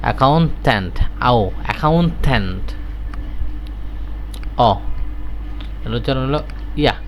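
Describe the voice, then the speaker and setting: A man with a Bengali accent teaching English pronunciation, slowly repeating each sound and example word. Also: fairly low pitch, slight background noise, poor audio. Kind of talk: slow pronunciation drill lesson.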